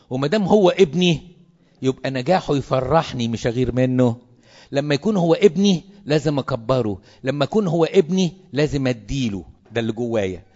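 A priest with an Egyptian Arabic accent addresses fellow clergy in an animated, sermon-like talk packed with rhetorical questions. His voice is mid-range, and the recording's highs are cut off.

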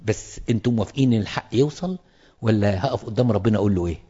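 A quick-talking Egyptian clergyman with a husky, slightly rough voice lectures fellow priests. He presses his points home by repeating them. The sound is dull and carries a long hall echo. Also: fairly low pitch, dark tone. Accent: Egyptian Arabic. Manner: emphatic, repeats words for stress.

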